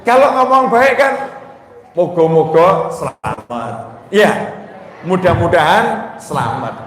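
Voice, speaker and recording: A man delivers a sermon in a high voice, taking his time over each phrase. He jokes with the crowd and keeps drawing answers out of them. His voice rings through a large, echoing hall, with faint ambient noise behind it. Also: a bit bright. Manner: quizzes the crowd with call-and-response questions; playful and joking, acts out scolding wives. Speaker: preacher. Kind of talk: Islamic study sermon to a congregation.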